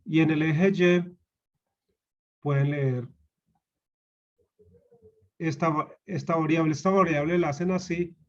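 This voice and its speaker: A man's voice: fairly high pitch, fairly even intonation, takes it slowly, long pauses, muffled recording. A man with a Colombian Spanish accent giving a university lecture over a video call, patiently repeating key points and asking his students questions. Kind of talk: online class lecture.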